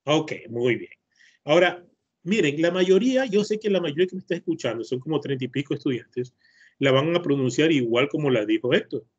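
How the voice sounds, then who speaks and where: A patient male teacher with an Ecuadorian Spanish accent, leading an online class for children and drilling pronunciation by saying words over and over. His voice is a little husky and sits fairly high for a man. It comes through a computer mic on a video call, muffled and lo-fi. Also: lively intonation, a little fast. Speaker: English teacher.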